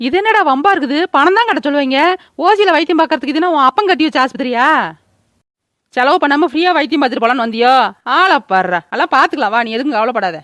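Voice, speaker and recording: A woman's voice: high-pitched, expressive, quick pace, fairly bright tone, no room sound, clean studio sound. A woman voicing a cartoon character, brash and teasing. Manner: brash, teasing, reassuring banter. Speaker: cartoon voice-over.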